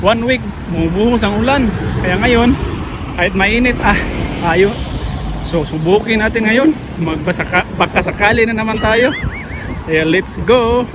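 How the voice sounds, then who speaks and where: A Filipino man talking to his viewers while he digs through trash bins outdoors in the heat, out of breath and sweaty. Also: on the high side. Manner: chatty, addresses viewers often. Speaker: vlogger. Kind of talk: casual vlog narration while dumpster diving. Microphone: self-filmed camera.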